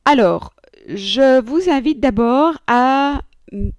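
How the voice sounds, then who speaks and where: A woman teacher walking students through a software installation step by step, chatty and joking as she goes. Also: sits high, expressive, slow pace, no echo, clean studio sound. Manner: chatty, thinking aloud with fillers and little jokes. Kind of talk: screen-recorded software tutorial.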